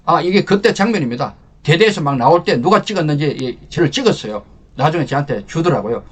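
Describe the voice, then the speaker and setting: Husky older man telling a war story. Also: on the high side, fast talker. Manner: emotional storyteller, animated swings from loud to hushed. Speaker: lecturer and channel host. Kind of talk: personal war story told as a leadership talk.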